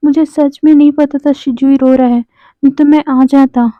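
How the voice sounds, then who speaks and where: A woman voicing a gentle young husband who pleads and stumbles over his words in a storybook retelling. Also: high voice, fairly even intonation, moderate pace, no room sound, lightly acted. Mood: pleading. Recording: dry, phone-like narrow sound.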